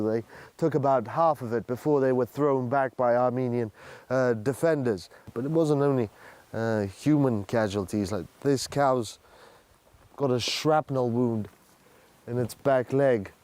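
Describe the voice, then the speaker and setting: A man reporting as a war correspondent from the front line, with a grave, deliberate delivery in a TV news style. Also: mid-range voice, darkish tone. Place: outdoors in a village.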